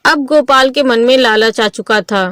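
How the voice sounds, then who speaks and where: A woman narrating a cartoon moral story in an even, storytelling manner. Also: sits high, normal speed, no room sound, studio quality.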